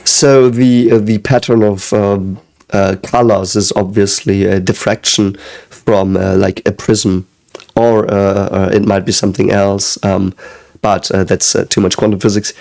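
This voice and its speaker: A man's voice: fairly low pitch, little pitch movement, unhurried, gravelly, darkish tone. A man talking casually as he reacts to an anime, rambling with lots of hesitations and occasional swearing. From Germany. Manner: rambling, hesitant, with many fillers and frequent swearing.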